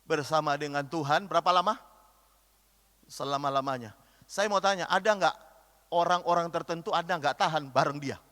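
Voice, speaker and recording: A man preaching a sermon, animated, acting out quotes and asking the congregation questions. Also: a little high, moderate pace, pauses often. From Indonesia. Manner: lively, animated preaching with acted-out quotes and call-and-response questions. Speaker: pastor. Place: large church hall. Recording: reverberant church hall.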